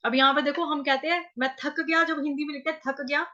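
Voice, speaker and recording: High, bright-voiced North Indian woman teacher. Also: steady tone, dull audio. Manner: drills each syllable slowly and repeats it several times. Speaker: Sanskrit recitation teacher. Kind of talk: chanting lesson, syllable by syllable.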